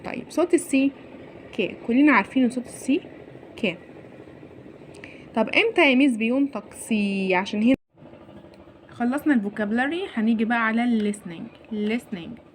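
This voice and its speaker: An Egyptian woman with a fairly high voice teaches young children English. She is cheerful and drills each word slowly, over and over. A faint hiss sits under her voice. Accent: Egyptian Arabic. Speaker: English teacher for first-year pupils.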